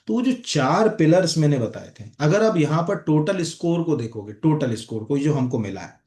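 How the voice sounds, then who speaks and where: A male coaching teacher talks students through exam-prep slides in a relaxed, conversational way. He keeps dropping little check-ins as he goes. His voice sits at an ordinary middle pitch and rings in a reverberant room. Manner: conversational, repeats fillers like "ठीक है" and "है ना". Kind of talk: lecture over on-screen slides. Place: academy classroom or studio.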